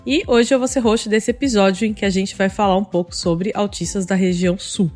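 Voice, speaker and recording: A Brazilian woman in her thirties opens and hosts a podcast episode. Her voice sits at a middle pitch, and she reads her script at a steady, even pace. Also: a little fast, soft background music. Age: 30s. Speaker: podcast host.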